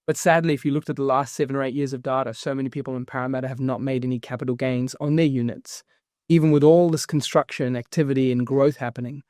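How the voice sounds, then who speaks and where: Speaking in a mid-range voice, a New Zealand man who founded a property investment company chats energetically as an interview guest. He explains things at a fast clip with fillers, recorded in clean studio sound with no echo.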